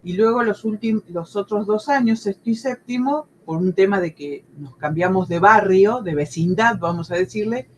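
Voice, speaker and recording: A woman's voice: mid-range voice, moderate pace, hardly any pauses, a little hiss or hum, low-quality recording. Argentine woman in her sixties, hesitant. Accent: Argentine Spanish, Buenos Aires province. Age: 60s. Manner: hesitant, many fillers and restarts. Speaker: history teacher, interview guest. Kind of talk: conversational interview.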